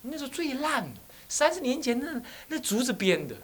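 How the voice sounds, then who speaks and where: A man in his thirties, a Buddhist abbot, giving a dharma talk full of animated personal stories and phrases. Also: very high voice, moderate pace, breathy edge. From Taiwan. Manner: animated storytelling, slips into Taiwanese phrases.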